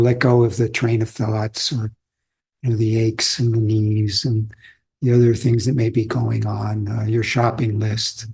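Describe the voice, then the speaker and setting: A man from Austria giving a calm, reflective dharma talk as a Zen teacher, unhurried and pausing often. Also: medium pitch, husky.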